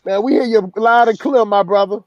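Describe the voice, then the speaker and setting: Live stream host, man, high voice, dry close sound, loose rambling delivery. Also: steady tone, fairly quick, no echo, muffled recording. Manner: rambling, many restarts and "you know what I'm saying". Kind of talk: casual live stream talk.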